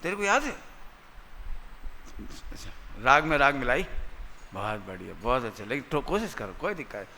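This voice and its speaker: A man leading an interactive religious lesson for children, animated, repeating key words and quizzing his pupils. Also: mid-range voice, fairly quick, vocal fry, pauses often, slight background noise. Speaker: Jain teacher leading a children's class. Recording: reverberant hall sound.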